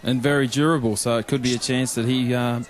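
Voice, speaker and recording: A man's voice: mid-range voice, fairly even intonation, fast talker. A man with an Australian accent giving informal boxing commentary as co-commentator.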